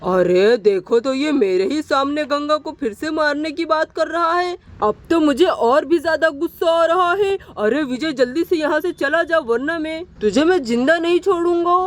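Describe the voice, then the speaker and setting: A woman's voice: sits high, normal speed, few pauses, natural voice. A woman doing an outraged village man. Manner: indignant, shouting threats. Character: righteous angry village man, protective neighbor. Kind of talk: doll story voice acting.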